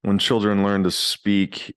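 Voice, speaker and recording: A man hosting a podcast interview, summing up his guest's ideas in a relaxed, reflective way and hedging with "I guess". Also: on the low side, slow, clear, resonant tone, dry recording, studio quality. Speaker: podcast host. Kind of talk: casual interview conversation.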